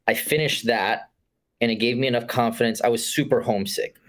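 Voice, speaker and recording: A guest filmmaker from Florida, USA, a man in his thirties, talks over a video call in a room with a curtained window. His mid-range, fairly bright voice moves a little fast with fairly even intonation, and the relaxed conversation is loaded with fillers.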